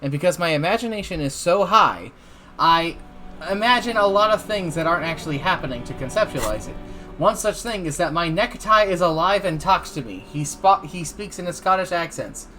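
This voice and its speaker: With game music playing behind him, a man streams a video game live in a high, animated voice that sounds pushed and bright, talking fairly quickly. He drinks, swears a lot, and keeps his casual commentary loose and playful.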